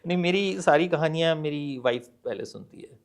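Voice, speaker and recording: A middle-aged man, a guest author on a podcast, speaking in a measured, deliberate way and mixing Hindi and English, with hesitant pauses. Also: a little high, gravelly. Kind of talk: podcast interview, reading a poem aloud.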